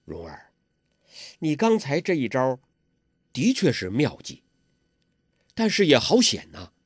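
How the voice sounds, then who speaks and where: A man voicing an earnest, simple young man who speaks low and quietly. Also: wildly swooping pitch, slow pace, slightly rough, dry recording, clean studio sound, heavily acted.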